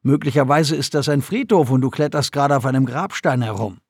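A man doing a patient, gently amused father. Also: medium pitch, fairly quick, breathy edge, no room sound, studio quality, close to an everyday voice. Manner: calm, explanatory, fatherly.

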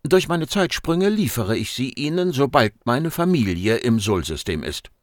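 A man's voice: medium pitch, sing-song, moderate pace, no room sound, studio quality, voice pushed up, lightly acted. A man reading an audiobook and voicing a desperate female secret agent, insistent and ironic.

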